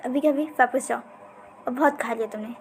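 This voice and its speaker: Stern young father, commanding and sharp, voiced by a woman storyteller. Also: on the high side, a little fast, slight background noise, close to an everyday voice. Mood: angry. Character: stern young man scolding his son.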